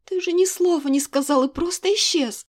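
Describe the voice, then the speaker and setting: A woman voicing a defiant, sharp-tongued young heroine who speaks in a heated, indignant way in an audiobook. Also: fairly high pitch, normal speed, voice pushed up, close to an everyday voice. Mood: furious.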